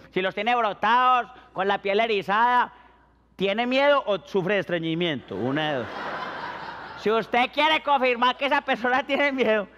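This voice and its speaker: A man with a Colombian Paisa accent hosting a TV show with a playful, animated stand-up comedy monologue. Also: high-pitched, long reverb tail, a little hiss or hum. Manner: animated, playful, slips into silly voices and laughs.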